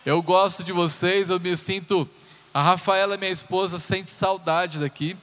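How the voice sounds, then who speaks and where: Here a thirty-something Brazilian pastor uses a high-pitched, rather bright voice with fairly even intonation and a moderate pace. He warms up his congregation with a chatty, humorous sermon intro and personal stories, heard through church hall reverb.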